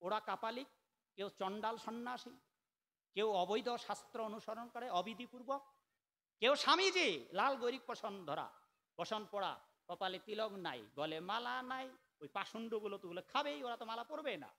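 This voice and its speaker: A man preaching a sermon in a scolding, argumentative way, dropping to soft asides and then bursting out loudly. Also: sits high, lively intonation, normal speed, long reverb tail. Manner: scolding, argumentative, switching between soft asides and sudden loud outbursts.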